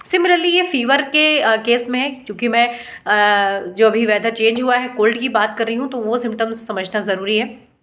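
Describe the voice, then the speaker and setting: A woman's voice: fairly high pitch, normal speed, fairly bright tone. A woman, a doctor in her thirties or forties, giving an informal online lecture, explaining patiently and asking rhetorical questions. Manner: explains patiently, mixes English terms, asks rhetorical questions. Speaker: homeopathy doctor teaching.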